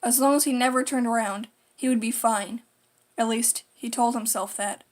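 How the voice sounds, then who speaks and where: With a steady tone and a somewhat high-pitched voice, a woman tells a written horror tale. Her reading is slow, deliberate, and dramatic, in keeping with creepypasta narration.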